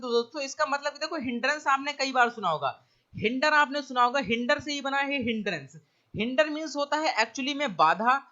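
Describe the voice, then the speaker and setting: A man teaching English vocabulary in an online exam-prep lecture, speaking with a Hindi accent and explaining each word slowly, checking in with his listeners again and again. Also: very high-pitched, sharp tone, highs cut off.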